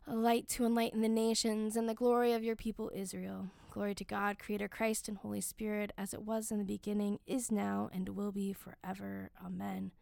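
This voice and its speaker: A woman leading worship, reciting prayers and scripture in measured, solemn short phrases. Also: mid-range voice, completely flat delivery, vocal fry, darkish tone, no room sound, studio quality. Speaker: worship leader reading the daily office. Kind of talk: liturgical prayer and scripture reading.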